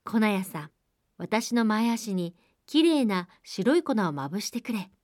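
A woman's voice: medium pitch, big pitch swings, measured pace, darkish tone, no echo, clean studio sound. A woman voicing a cunning, hungry wolf in a storybook reading, coaxing in a falsely sweet voice. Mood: demanding.

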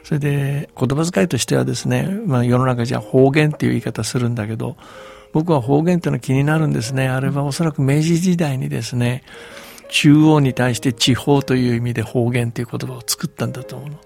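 An older man, a folktale researcher, chatting on the radio in a relaxed, explanatory way with soft trailing endings. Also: medium pitch, a little fast, vocal fry.

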